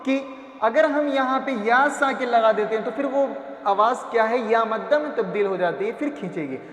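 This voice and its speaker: A man with a very high voice teaches Quran reading, drilling syllables one by one and answering his own questions. He drags out the long vowels slowly and patiently. The sound rings with long echo, like a big hall. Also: fairly bright tone. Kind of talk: patient step-by-step phonics lesson.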